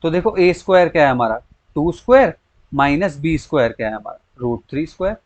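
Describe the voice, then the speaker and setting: A young man teaching a maths lesson, explaining each step slowly and asking the class rhetorical questions. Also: on the high side, animated, no echo. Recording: dull lo-fi dry recording.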